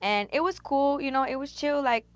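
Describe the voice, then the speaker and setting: A woman's voice: high-pitched, moderate pace, dry recording. A young woman from Texas, a rapper, telling stories in a laid-back, slangy and profane way during a casual interview. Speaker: rapper and guest.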